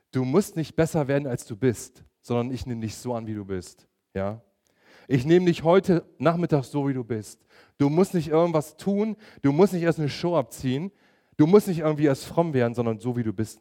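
A man's voice: mid-range voice, mellow. A middle-aged man preaching a sermon, emphatic and asking his listeners direct questions.

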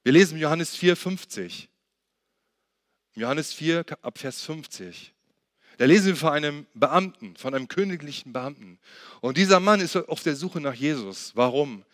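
A man's voice: on the high side, animated, moderate pace, fairly bright tone, dry recording, clean studio sound. A man preaching a sermon, earnestly asking the listener questions and retelling a Bible story in his own words. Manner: acts out the Bible figures' words in plain retelling.

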